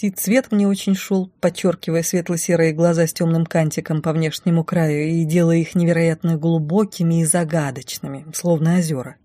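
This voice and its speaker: A woman's voice: fairly low pitch, dark tone, dry recording. A woman reading a first-person story aloud with a dry, ironic delivery. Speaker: audiobook reader. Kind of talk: scripted first-person narration.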